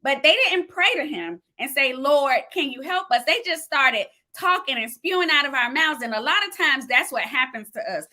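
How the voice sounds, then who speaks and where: A woman's voice: high-pitched, expressive, normal speed, hardly any pauses, sharp tone. A woman preaching a live-streamed sermon, fervent and preacherly, answering viewers' comments aloud as she teaches. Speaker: minister sharing a word.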